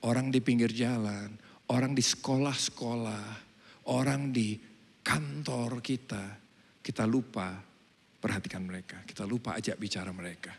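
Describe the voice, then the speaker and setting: Lively preaching man, church hall reverb. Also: medium pitch, normal speed, gravelly, slightly rough. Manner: lively preaching, swinging between soft asides and loud exclamations. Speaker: pastor. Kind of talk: sermon.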